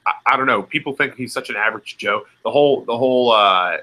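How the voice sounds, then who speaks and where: A young man co-hosting a podcast, speaking conversationally with hesitant pauses. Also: mid-range voice, pushed and bright, poor audio. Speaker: podcast co-host. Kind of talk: casual chat.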